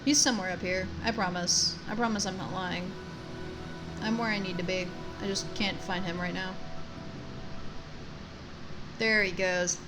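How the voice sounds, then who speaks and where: A woman's voice: medium pitch, fairly even intonation, unhurried, pauses often, rough recording. A woman giving casual, self-deprecating commentary while she plays a video game, chatting to the characters. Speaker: gamer commentating a playthrough. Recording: game music behind voice. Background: video game music.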